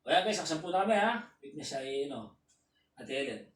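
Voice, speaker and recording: A Filipino man coaching a patient through exercises, counting reps aloud and shouting cheers. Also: on the high side, animated, fairly quick. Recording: roomy, distant, faint room noise.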